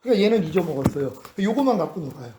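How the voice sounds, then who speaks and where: A male pastor preaching a sermon, acting out lively dialogue to illustrate his points. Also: high voice, rapid-fire, noisy background. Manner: animated preaching with acted-out dialogue.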